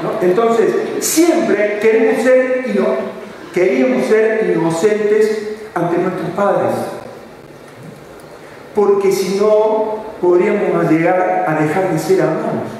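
A man's voice: sits high, takes it slowly, a little mellow, a little hiss or hum. A middle-aged man with an Argentine accent giving a leadership talk at a conference, telling stories and acting out the dialogue. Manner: storytelling, acts out dialogues. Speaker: conference speaker. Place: large conference hall. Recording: echoey hall from far off.

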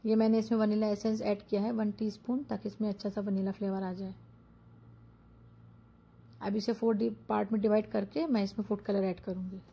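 A woman narrating her own cooking video as a voice-over, calmly explaining each step. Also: mid-range voice, fairly quick, gravelly, breathy edge. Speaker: cooking vlogger.

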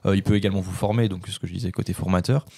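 A man's voice: sits low, steady tone, racing, gravelly, warm tone, breathy edge, no room sound, clean studio sound. A man, co-hosting a casual podcast and rambling with many filler words. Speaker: podcast co-host.

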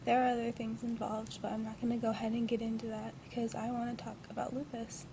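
A young woman of twenty speaks in a groggy, subdued way, slightly high-pitched with a creaky edge. Her delivery stays flat, like someone chatting casually to a vlog camera from bed. The amateur webcam audio has clear noise. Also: fast talker. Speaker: vlogger. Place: lying in a hospital bed indoors. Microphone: built-in device mic at close range.

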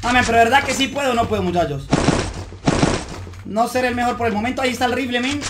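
A man streaming live gameplay, chatting to viewers and muttering to calm himself down during fights. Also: very high voice, fast talker, very noisy. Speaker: gaming streamer.

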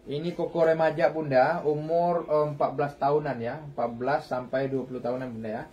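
A man's voice: fairly high pitch, steady tone, brisk, a little mellow, muffled recording, faint music behind. A man in his thirties selling clothes on a live stream with repetitive, hawker-like calls, recorded on a phone in a shop. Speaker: live online clothing seller. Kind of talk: live sales pitch.

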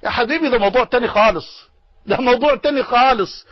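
An Egyptian preacher with a strikingly high voice delivers a fervent sermon, repeating phrases and talking straight to his audience. The sound is dry and close, a little muffled and dull like an old broadcast tape. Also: fast talker, dry recording. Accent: Egyptian Arabic. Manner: impassioned, repetitive, addresses listener directly.

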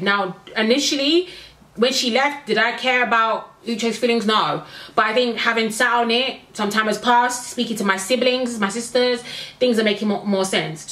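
A woman's voice: medium pitch, fairly bright tone. A woman recapping a reality show in a casual, blunt and opinionated way, with exasperated asides. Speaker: reality TV reviewer. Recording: echoey room.

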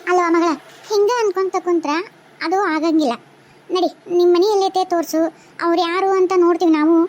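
A woman voicing an older ghost mother in a cartoon, calmly advising in a North Karnataka Kannada accent. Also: extremely high pitch, fairly quick, pitched below the performer's own voice. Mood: soothing. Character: kindly older female ghost mother, soothing.

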